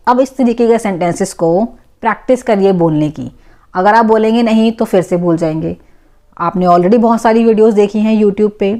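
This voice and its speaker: Woman, Indian accent, English teacher, very slow deliberate delivery, mid-pitched. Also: dark tone. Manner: repeats each English sentence slowly and clearly. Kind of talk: language lesson, slow model sentences.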